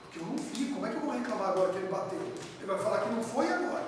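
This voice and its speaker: A woman's voice: a little high, rapid-fire. Woman from são paulo preaching her testimony, acts out the dialogue, super echoey room, a little background noise. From São Paulo, Brazil. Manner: animated storyteller acting out dialogue, addressing the congregation. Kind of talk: sermon storytelling. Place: church hall. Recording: echoey church hall, distant mic.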